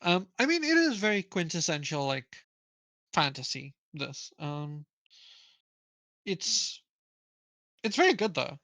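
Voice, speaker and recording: A man's voice: a little high, sing-song, slow pace, pauses often, pushed and bright, no echo. A man co-hosting a book club livestream, rambling casually with fillers and laughing at his own slips. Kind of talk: casual live-stream chat.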